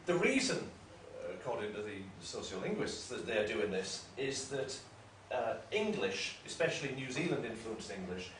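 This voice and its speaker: A man's voice: on the low side, big pitch swings, moderate pace, few pauses, a bit bright. A man giving an academic lecture in a discursive, explanatory way, often correcting himself. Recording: roomy room, mic at a distance, faint noise.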